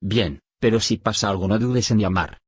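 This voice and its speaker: A man's voice: lowish voice, normal speed, breathy edge, no room sound, clean studio sound. A synthetic male text-to-speech voice playing a blunt, foul-mouthed soldier comrade in a zombie story. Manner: blunt and incredulous.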